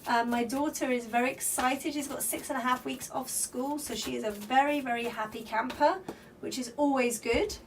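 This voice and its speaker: Her voice sits high and slightly croaky, with fairly even intonation and a moderate pace, as she reads spirit cards live. She greets viewers by name, reads their comments and gives flowing spiritual guidance, picked up by a slightly distant mic with faint background noise.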